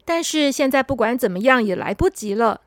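Woman storyteller, high voice, lively, close dry sound. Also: brisk, no echo. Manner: animated, expressive. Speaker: children's storyteller. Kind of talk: children's story narration.

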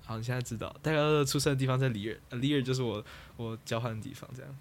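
Young male podcaster, quick and rambling, mid pitch. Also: a little hiss or hum. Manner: rambling storyteller, trails off and restarts, laughs at own jokes. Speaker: podcast co-host. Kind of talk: casual chat.

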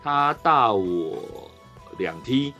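A man with a Taiwanese Mandarin accent hosting a podcast, telling a rambling, animated story in casual chat. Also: mid-range voice, very slow, soft background music. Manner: rambling, animated anecdote with restarts. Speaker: podcast host.

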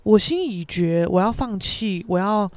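A young woman with a Taiwanese Mandarin accent tells a story on her podcast in an animated, self-mocking way, swearing freely. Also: medium pitch, a little slow, no room sound. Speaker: podcast host.

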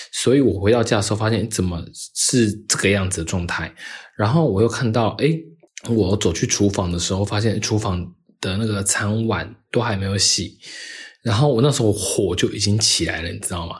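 Husky guy with a lowish voice rambling through a story on a casual podcast, lots of restarts. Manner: rambling, many restarts and fillers. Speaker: podcast co-host.

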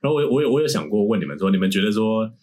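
A man's voice: lowish voice, very animated, very fast, a little mellow. A man hosting a casual podcast as an English teacher, laughing often and slipping English words into his talk.

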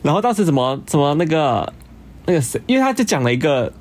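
A man's voice: fairly high pitch, big pitch swings, quick pace, darkish tone. Easygoing man chatting. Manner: easygoing, chatty, enthusiastic about recommendations. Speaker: podcast co-host. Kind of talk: casual chat.

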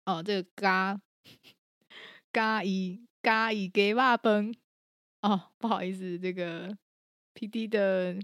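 A woman's voice: medium pitch, no echo. Chatty woman podcast host, dry sound. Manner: chatty, apologetic, hedging. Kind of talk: casual explanation to listeners.

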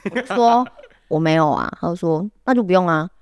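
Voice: mid-range voice, a little fast, clear, resonant tone, no echo, studio quality. Chatty Taiwanese Mandarin podcast storyteller. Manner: animated storyteller, laughs often, many "then" restarts; quotes others in acted voices. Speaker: podcast co-host. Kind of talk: casual storytelling chat.

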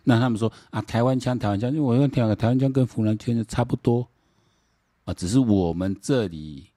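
A man's voice: mid-range voice, a little fast, mellow, dry recording, clean studio sound. A middle-aged man with a Taiwanese accent hosting a political commentary podcast, rambling and repeating words, slipping into Taiwanese Hokkien and firing off mocking rhetorical questions. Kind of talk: casual solo political commentary.

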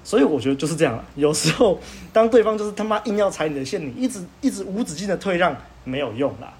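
A young man, hosting a podcast and telling a story in casual chat, animated and laughing as he goes. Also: sits high, fast talker, slight background noise. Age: young adult. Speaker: podcast host.

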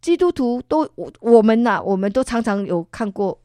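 A woman's voice: a little high, moderate pace, dry recording, clean studio sound. A middle-aged woman from Singapore with a Singaporean accent, a guest animatedly telling a faith story and acting out the people in it. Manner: animated storytelling, acts out voices.

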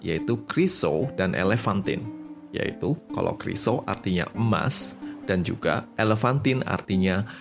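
A man's voice: on the low side, vocal fry. A man narrating history in a chatty, slangy way, dropping in English phrases. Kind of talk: casual storytelling narration.

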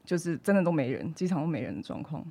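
A woman's voice: sits low, lively intonation, fast, warm tone. A woman, a young adult with a Taiwanese Mandarin accent, telling stories casually as a guest on a podcast. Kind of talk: casual conversational storytelling.

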